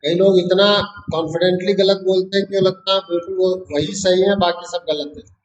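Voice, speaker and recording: A middle-aged man walks students through math problems. His voice sits high for a man, and he coaxes and checks on the class, calling them "beta". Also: steady tone, brisk, dull audio. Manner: coaxing, calls students beta. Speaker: math teacher. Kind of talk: online math lesson.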